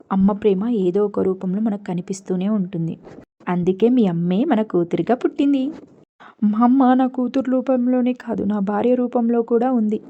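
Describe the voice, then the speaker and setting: Mellow-voiced woman. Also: mid-range voice, dull audio. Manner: animated storytelling, many fillers. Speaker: TV serial reviewer. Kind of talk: retelling a TV serial episode.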